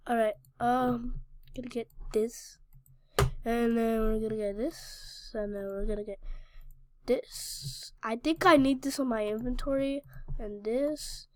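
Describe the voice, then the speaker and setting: High-pitched excitable woman gaming. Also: no room sound, clean studio sound. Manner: excitable, talks back to the game, slangy; scattered, restarts and stammers. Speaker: gaming channel host. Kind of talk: casual Minecraft gameplay commentary.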